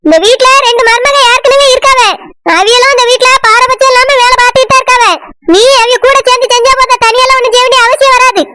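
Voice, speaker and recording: A woman's voice: very high-pitched, flat delivery, fast talker. Woman voicing a nagging, bossy cartoon elder sister. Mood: scolding. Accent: Kanyakumari Tamil. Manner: scolding, sharp, nagging. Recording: loud background noise.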